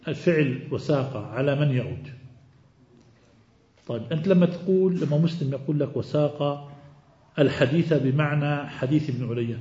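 A man giving a classroom hadith lecture, explaining slowly and quizzing his students with questions. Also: on the high side, warm tone. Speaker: teacher of hadith. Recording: roomy, dull recording.

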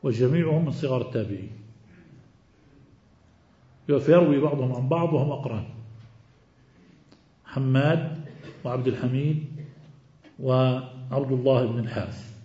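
A man giving a classroom hadith lecture, explaining slowly and quizzing his students with questions. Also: mid-range voice, dark tone. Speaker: teacher of hadith. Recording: roomy, dull recording.

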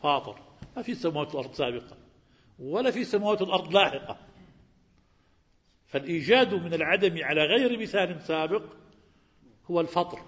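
A man's voice: fairly high pitch, expressive, quick pace, pauses often, fairly bright tone. A man teaching a Quran lesson, asking his students questions and repeating key words. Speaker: religious teacher. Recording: reverberant hall, dull lo-fi sound.

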